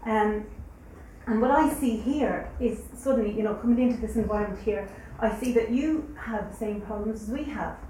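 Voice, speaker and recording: A woman academic giving an unscripted, halting comment at a conference, recorded at a distance in an echoing, noisy room. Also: fairly high pitch, warm tone. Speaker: business academic.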